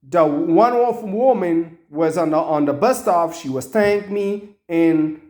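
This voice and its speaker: A man telling a personal story aloud in halting English with non-native grammar. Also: fairly high pitch, darkish tone, reverberant.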